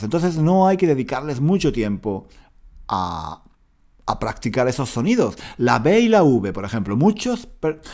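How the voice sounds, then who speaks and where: A man with a slightly high voice teaches Spanish pronunciation to learners. His pitch swings up and down a lot as he explains. He often restarts or repeats a word before carrying on. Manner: lively, repeats and restarts words while explaining.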